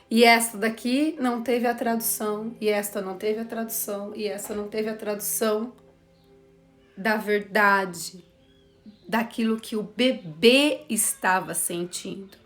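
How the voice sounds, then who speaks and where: A woman giving a lecture at a very unhurried pace, her voice sitting a little high. She talks in a reflective way and keeps turning to her listeners with questions. Faint music plays underneath. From Brazil. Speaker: teacher of a course on systemic motherhood. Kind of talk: spoken lecture to a class.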